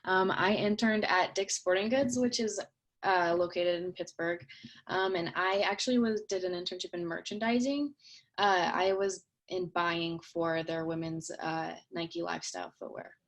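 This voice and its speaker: A woman's voice: fairly low pitch, steady tone, normal speed. A young woman from Pennsylvania introducing herself on a webinar panel, hesitant and filler-heavy.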